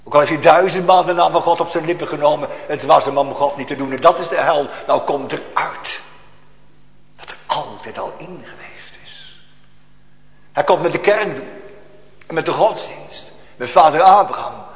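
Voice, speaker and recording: A man preaching a sermon to a congregation, slow and solemn, rising to emphatic outbursts, recorded in a church. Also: fairly high pitch, reverberant, big-room sound, low-quality recording.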